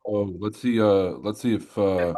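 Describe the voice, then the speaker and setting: Casual lowish-voiced man muttering live commentary. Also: fairly even intonation, a little slow, mellow. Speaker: livestreaming trader.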